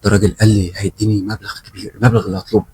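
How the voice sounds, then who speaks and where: A young man with an Egyptian Arabic accent telling a first-person horror story in a quick, conversational way, acting out the lines of the people in it. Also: fairly low pitch, flat delivery, warm tone, slight background noise. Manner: fast, conversational retelling with quoted dialogue.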